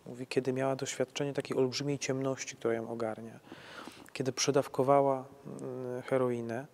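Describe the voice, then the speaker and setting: A man's voice: medium pitch, little pitch movement, gravelly, darkish tone. A man, a priest, answering questions on faith in a conversational way, restarting his sentences and often ending them with a tag question. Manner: conversational, halting restarts, frequent tag "nie?".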